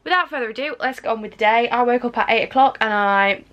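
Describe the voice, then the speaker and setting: A woman's voice: on the high side, fast, fairly bright tone, highs cut off. A woman in her twenties talking to camera in a casual vlog, chatty and rambling with lots of fillers like "like" and "do you know what I mean". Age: 20s. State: out of breath after exercise. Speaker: vlogger. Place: at home and outdoors in a garden.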